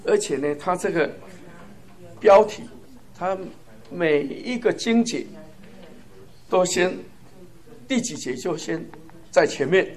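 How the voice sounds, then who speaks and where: A man's voice: sits high, expressive, slow, pauses often. A man giving a fervent sermon-style testimony, chuckling often and stressing points in lists. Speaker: church speaker.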